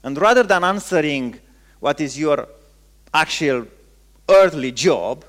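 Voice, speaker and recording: His sermon, delivered with a Romanian accent, is expressive and fairly bright in tone, pitched well above most male voices. Like a pastor, he breaks it into short, strong phrases, stopping often to restate a word for weight.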